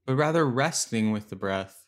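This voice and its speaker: In a medium-pitched, animated voice, a man leads a guided meditation. He still gives gentle, unhurried instructions with long pauses between his phrases.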